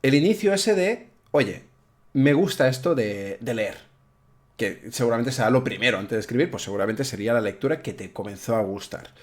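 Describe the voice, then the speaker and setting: A man hosts an interview, asking questions in a friendly, encouraging way. He backs his guest up with short affirmations. His voice sits at a middle pitch. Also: lively intonation, brisk. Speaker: interview host. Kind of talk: conversational interviewing.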